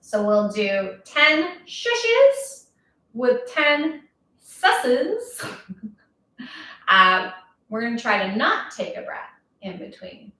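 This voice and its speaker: A woman instructor leading a yoga class, talking calmly and slowly with a gently playful touch. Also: on the high side. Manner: calm, slow, gently playful. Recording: very echoey room, voice from far off.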